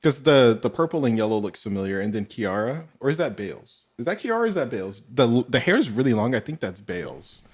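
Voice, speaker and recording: A man's voice: medium pitch, sing-song, fairly quick, hardly any pauses, slightly rough. Swearing man with a wildly swinging voice. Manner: laughs often and swears freely. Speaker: reaction video host. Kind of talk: casual reaction commentary.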